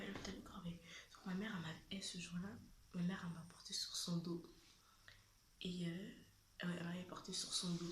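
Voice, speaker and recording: A woman's voice: fairly low pitch, echoey room, background noise. A woman telling a childhood story in casual, slangy chat, often dropping to a half-whisper.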